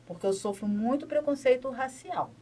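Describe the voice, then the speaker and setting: A woman's voice: high voice, normal speed, mellow, recorded from a distance. A woman guest on a podcast, telling her story in a chatty, storytelling way with many asides. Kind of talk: casual podcast chat.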